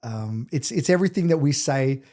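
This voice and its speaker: Here the late-forties Australian from Adelaide sounds animated and a little fast, with a warm, medium-pitched voice. He's a podcast interview guest, chatting openly and making self-deprecating jokes.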